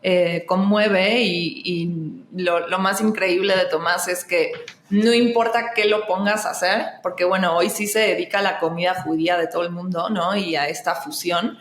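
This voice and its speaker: A woman's voice: fairly low pitch, moderate pace, roomy sound. Argentine-born woman with a Mexican accent. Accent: Mexican Spanish. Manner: animated, with many fillers and self-restarts. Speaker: guest, actress and singer. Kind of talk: casual podcast conversation.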